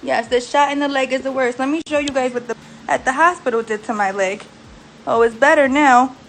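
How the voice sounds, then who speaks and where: A woman's voice: high-pitched, fairly quick, a little hiss or hum, low-quality recording. A young woman vlogging from a recovery house bedroom after surgery, venting bluntly and with swearing about her care, aggravated and worn. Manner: blunt, profane, exasperated venting. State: post-surgery, frustrated and aggravated. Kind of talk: venting to camera.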